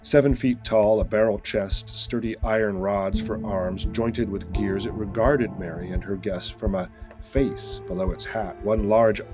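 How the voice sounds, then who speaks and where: A man, the author, reading aloud from his novel in a measured, deliberate storytelling manner. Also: on the low side, fairly even intonation. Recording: reading with guitar music behind.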